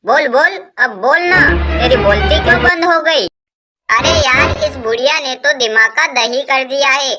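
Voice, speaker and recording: A woman's voice: sits high, unhurried, soft background music. A woman voicing a bossy old mother-in-law who taunts and scolds. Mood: taunting. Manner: taunting, nagging. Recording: loud hiss behind the voice.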